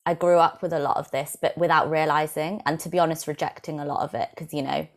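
Low-pitched yoga teacher lady from england, calm and explaining things, podcast chat. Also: quick pace. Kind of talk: podcast interview.

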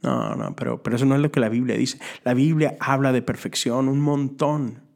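A man preaches in a relaxed, talky way, tossing out rhetorical questions and little asides to his listeners. His voice sits at an everyday middle pitch for a man, and he speaks as a Methodist preacher giving a sermon. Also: normal speed, vocal fry. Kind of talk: conversational sermon.

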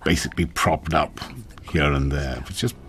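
Extremely deep man praising the set. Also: normal speed, background noise. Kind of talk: film commentary.

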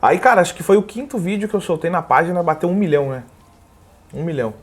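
A man's voice: sits high, fast, breathy edge. A man, telling stories in casual chat and acting out the lines of other people. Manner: animated, acts out quoted dialogue. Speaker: guest, comedy video creator.

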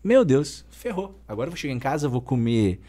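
A personal trainer in his thirties guests on a casual podcast, speaking with a southern Brazilian Gaúcho accent. His mid-range voice moves quickly, and he is emphatic, animated and colloquial, repeatedly saying "velho."

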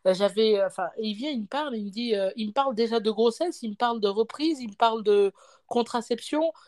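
Woman, thirties, animated storyteller, slightly high voice, dry close sound. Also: quick pace, no echo. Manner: lively storyteller acting out dialogue; peppers speech with "hein" and "tu vois". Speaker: podcast guest parent. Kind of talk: casual podcast chat.

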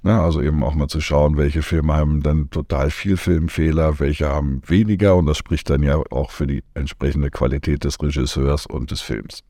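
A man's voice: extremely low pitch, steady tone, moderate pace, few pauses, mellow, no echo, studio quality. A middle-aged man, a media education consultant, explaining his teaching in a podcast interview, thoughtful with many fillers. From Germany.

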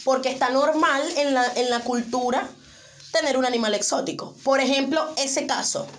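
A woman's voice: high-pitched, moderate pace, a little hiss or hum. A young woman, co-hosting a casual chat and acting out scenes with lots of laughter. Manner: animated, laughs often, acts out scenes. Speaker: podcast co-host.

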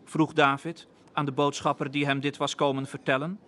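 Male scripture narrator, slow, solemn, measured delivery. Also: fairly high pitch, flat delivery, fairly bright tone.

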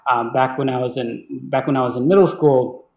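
Speaking briskly at a middling pitch with fairly even intonation, a young Bangladeshi man whose first language is Bengali tells his story casually as an interview guest. He hesitates and often repeats words, and the room sounds echoey.

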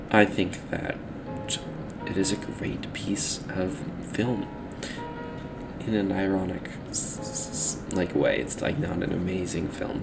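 Young guy rambling on his podcast, deep gravelly voice, kinda metallic robotic mic sound, stops and restarts a lot. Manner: halting, rambling, self-correcting. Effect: slightly metallic, robotic microphone sound. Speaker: podcast host. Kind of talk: casual solo podcast talk. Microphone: podcast microphone.

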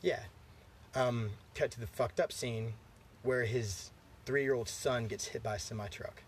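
A man's voice: medium pitch, steady tone, measured pace, a little hiss or hum. A man with a congested throat hosting a podcast, telling movie plots in a rambling, profane way with lots of fillers. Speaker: podcast host. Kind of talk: casual chat, storytelling.

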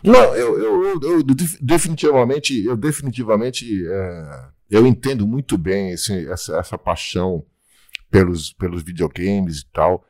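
A man's voice: fairly low pitch, measured pace, a little mellow, no room sound. A man in his sixties with a Brazilian accent, hosting a casual podcast chat and teasing his guests with slang. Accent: Brazilian Portuguese. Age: 60s. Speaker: podcast host.

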